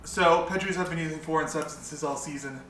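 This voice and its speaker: A man's voice: on the high side, brisk, recorded from a distance, a loud crowd. A man co-hosting a podcast, telling sports stories with enthusiasm in casual chat. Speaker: podcast co-host. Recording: echoey room.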